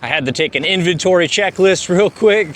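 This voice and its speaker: A man's voice: high voice, fairly quick, a bit bright. A man chatting casually to camera as he rides a bike through city streets, laid-back and talkative. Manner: laid-back, chatty, says "dude" a lot. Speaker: vlogger. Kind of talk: casual vlog chatter while riding.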